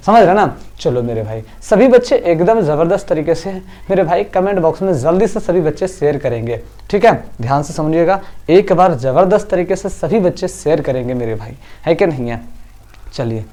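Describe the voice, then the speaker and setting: Animated man teaching grammar. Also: fairly high pitch. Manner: repetitive drilling, rhetorical questions to students; chanting vowel sounds aloud. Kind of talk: online class lecture.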